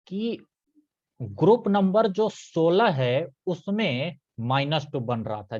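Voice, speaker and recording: A man's voice: mid-range voice, darkish tone, dull audio. A man teaching a live online chemistry class, patiently repeating key points and checking that students follow.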